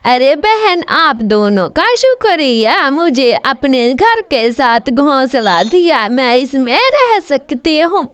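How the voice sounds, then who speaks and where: A woman's voice: high voice, sing-song, takes it slowly, few pauses, no room sound, heavily acted. Woman putting on a sly villainous kite. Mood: sweet-talking. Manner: whiny sobbing pleas, sly muttering. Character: scheming hungry female kite, fake-friendly villain. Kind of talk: storybook cartoon voice acting.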